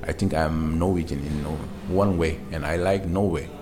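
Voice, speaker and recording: A man from Senegal with a Senegalese accent answers interview questions informally in non-native English, haltingly searching for words. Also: rumbling low, steady tone, a crowd in the background. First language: not English. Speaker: interviewee, migrant worker.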